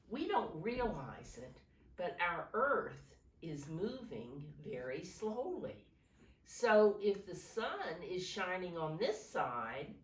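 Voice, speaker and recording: A preschool teacher with a low voice reads aloud to young children, explaining things simply and frequently asking them easy questions. Her pitch rises and falls expressively as she takes her time, and the audio sounds roomy and slightly far from the mic.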